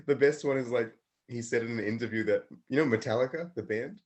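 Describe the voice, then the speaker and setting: A man's voice: mid-range voice, fast talker, a little mellow, lo-fi sound. A young man co-hosting a podcast, easygoing and laughing often in casual chat. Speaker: podcast co-host.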